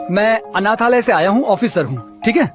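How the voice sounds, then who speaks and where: Bossy young friend, high-pitched, music under the dialogue. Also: male voice, sing-song, unhurried. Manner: bossy, persuasive. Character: bossy young man, friend, calming and planning. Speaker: father's friend. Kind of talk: Hindi TV drama dub. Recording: dubbed dialogue over music.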